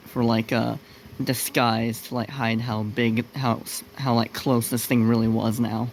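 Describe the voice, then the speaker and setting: A young man telling a personal story in a casual, unscripted way, halting and rambling as he searches for words. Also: medium pitch, a little mellow, slight background noise, low-quality recording. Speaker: video creator narrating a personal story.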